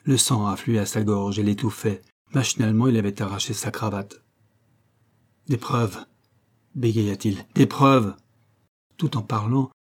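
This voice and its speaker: Mellow-voiced male audiobook narrator. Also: fairly low pitch.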